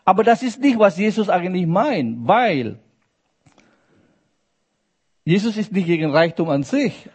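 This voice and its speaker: Slow, high-voiced preacher. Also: male voice, a little mellow, breathy edge. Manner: slow, emphatic, with frequent checking questions to the audience. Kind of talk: sermon.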